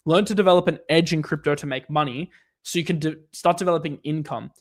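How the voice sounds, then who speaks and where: Male livestream host, higher-pitched voice, casual Q&A delivery, rambles and restarts often, filler-heavy. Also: fast. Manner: loose, rambling, lots of "like" and restarts. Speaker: livestream host answering viewer questions.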